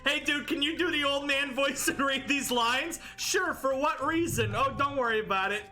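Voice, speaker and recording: A young man rambling through casual gameplay commentary, jokey and full of restarts. His voice sits high and has a bright, forceful edge. Game music plays faintly underneath. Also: normal speed. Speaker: gaming commentator.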